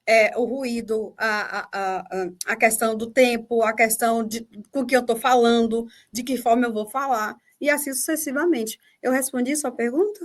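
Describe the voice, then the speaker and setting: Responding to a question during an online workshop, a Brazilian woman who teaches and mentors explains things in a fairly high, fairly even voice at a moderate pace. Her Brazilian Portuguese accent comes through, and she keeps checking understanding with rhetorical questions. The audio comes over a video call.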